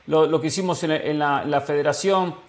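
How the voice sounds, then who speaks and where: Man, high voice, football pundit, rambling, lots of fillers, self-mocking. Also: steady tone, fairly quick. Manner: rambling, filler-heavy, self-deprecating humor. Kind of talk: sports talk show commentary.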